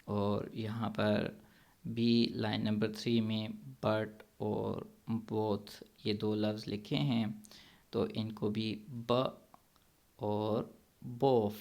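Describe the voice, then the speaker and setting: A man teaches English pronunciation to children in an online class, saying words slowly and repeating them so the pupils can echo him. His voice is lowish, creaky and somewhat dark.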